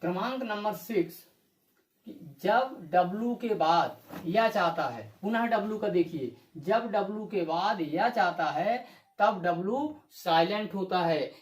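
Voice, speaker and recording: A patient teacher explaining step by step, repeating each rule and asking the listener questions before answering them. The voice sits at a medium pitch. It rings in an echoey, roomy space. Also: a little slow. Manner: repeats rules and asks rhetorical questions to the viewer. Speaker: English teacher. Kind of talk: classroom-style video lesson. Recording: echoey room.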